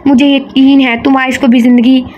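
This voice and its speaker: A woman voicing a loving, gentle old grandmother in an audio novel, soothing and tender. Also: high voice, flat delivery, normal speed, dull audio, a little hiss or hum, natural voice. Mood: encouraging.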